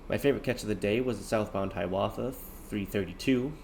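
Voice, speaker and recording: A man's voice: fairly low pitch, fairly quick, darkish tone. A man narrating train-spotting footage as a railfan video host. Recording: clear background noise of trains, ambience.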